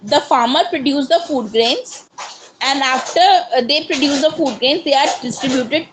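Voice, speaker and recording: High-voiced Indian woman lecturing online. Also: normal speed, slight background noise, poor audio. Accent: Indian English. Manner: explanatory, steady lecturing with occasional fillers. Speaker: online course counsellor. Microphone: video call.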